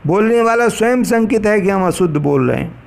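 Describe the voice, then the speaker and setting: A man giving a measured lecture on pronunciation to trainee teachers, explaining each point slowly and reciting Sanskrit verses. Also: high voice, expressive, gravelly.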